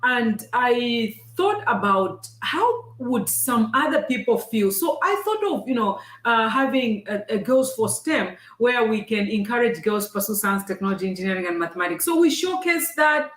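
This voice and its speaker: A woman's voice: a little high, sing-song, moderate pace, hardly any pauses, fairly bright tone. Enthusiastic woman host in an echoey room. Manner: enthusiastic, repeatedly addresses viewers as guys. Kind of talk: casual online interview.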